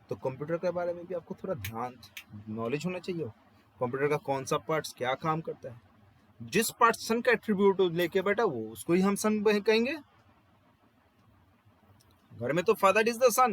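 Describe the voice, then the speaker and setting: A man's voice: on the high side, a bit bright, a little hiss or hum, poor audio. A man with a Bengali accent teaching an astrology class, explaining with rhetorical questions and everyday examples and dropping English phrases into his Hindi. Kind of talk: classroom lecture.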